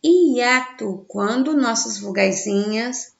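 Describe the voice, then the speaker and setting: A woman teacher giving a recorded grammar lesson for children in Brazilian Portuguese, sounding out stressed syllables slowly and answering her own questions. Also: a little high, creaky. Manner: slow, stressed syllables when sounding out words; asks the class questions and answers them herself. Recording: dull, echoey room.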